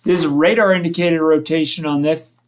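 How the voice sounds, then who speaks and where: Male live weather host, voice a little high, unscripted severe weather commentary, somewhat halting and self-correcting as he analyses. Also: fairly even intonation.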